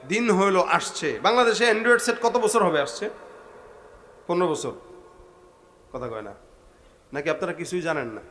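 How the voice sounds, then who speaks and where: A male preacher delivers a thundering waz sermon in a high, bright voice. He swings between roaring climaxes and hushed asides, pressing his audience with questions. The sound is echoey with a faint noise floor. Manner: swings from thunderous shouting to low murmurs, questions the crowd.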